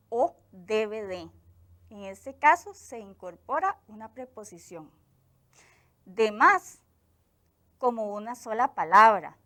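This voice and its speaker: A woman teacher from Costa Rica with a Costa Rican accent, giving a clear, explanatory grammar lesson for television. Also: a little high, fairly bright tone. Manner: slow, clear explanatory delivery.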